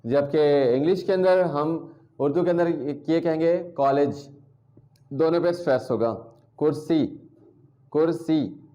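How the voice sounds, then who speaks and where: A man teaching an English language lesson, drilling words and sounds slowly and repeating each one. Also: fairly high pitch, warm tone, dull audio.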